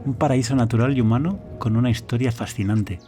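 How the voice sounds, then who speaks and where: A man's voice: mid-range voice, a little fast. A man delivering scripted, reflective and poetic narration in the manner of a nature documentary. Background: background music.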